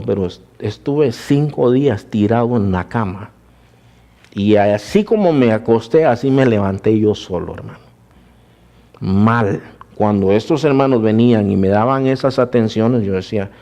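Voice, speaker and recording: Man preaching a personal-testimony sermon. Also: medium pitch. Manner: personal testimony, addresses listeners as brothers; swings between raised preaching and hushed storytelling. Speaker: pastor.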